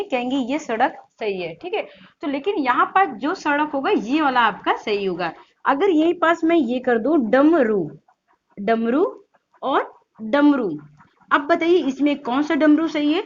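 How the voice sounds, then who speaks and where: A woman teaching an online exam-prep Hindi class, asking her students questions and repeating points as she explains. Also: high-pitched. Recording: slightly dull lo-fi audio with faint hiss.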